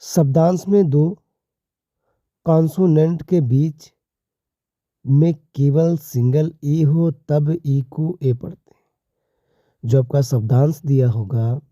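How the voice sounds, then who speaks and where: A man teaching a slow, deliberate lesson who keeps addressing his viewers as companions. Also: on the high side, mellow, dry recording. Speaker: English teacher. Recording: dull lo-fi recording.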